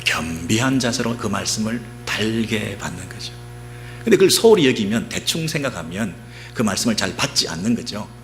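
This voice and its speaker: A middle-aged male pastor giving an animated sermon, often asking the congregation questions. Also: fairly low pitch, normal speed, faint music behind.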